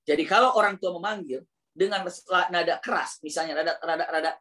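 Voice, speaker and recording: A male Islamic preacher, giving a slow, emphatic sermon that repeats phrases and acts out dialogue. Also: a little high, bright, forceful tone. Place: mosque study gathering.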